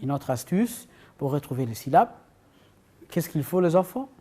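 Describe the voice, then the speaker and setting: A man's voice: a little high, very animated, normal speed, mellow, breathy edge. A male teacher giving a lesson to young children, speaking patiently and repeating words in a sing-song way. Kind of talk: children's lesson on syllables and a nursery rhyme.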